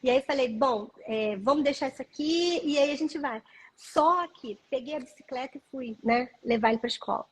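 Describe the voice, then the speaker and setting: A woman's voice: sits high, normal speed, husky, rough recording. A woman and parent educator speaking earnestly and reflectively in a live video chat, often checking in with her listener. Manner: earnest, reflective, peppers speech with "né" and "sabe".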